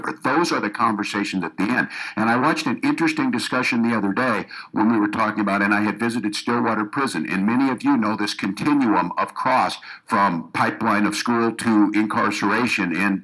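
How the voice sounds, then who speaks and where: A man with a lowish, husky voice, bright and forceful, gives an earnest campaign speech as a political candidate to an audience of educators in a meeting room. He repeats himself, often restarting sentences, on a low-quality recording.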